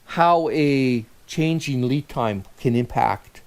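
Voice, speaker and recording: A man's voice: mid-range voice, takes it slowly. A man giving a recorded lecture as an instructor, talking in a conversational way and often restarting or correcting himself.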